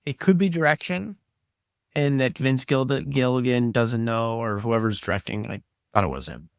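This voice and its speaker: A man's voice: mid-range voice, moderate pace, clean tone, dry recording. A man co-hosting a podcast, giving blunt, opinionated takes in casual chat. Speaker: podcast co-host.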